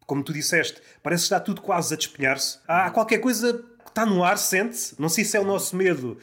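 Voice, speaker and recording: Portuguese dude, kinda higher voice, thoughtful and measured, quotes writers a lot. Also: male voice, expressive, a bit bright. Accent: European Portuguese. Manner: reflective, measured, fond of quotations. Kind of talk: casual podcast chat.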